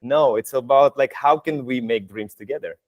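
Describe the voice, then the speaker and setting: Laughing, animated male host. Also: medium pitch, moderate pace, no room sound, highs cut off. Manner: animated, laughing, restarts sentences. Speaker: community project host. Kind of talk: casual online Q&A. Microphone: video call.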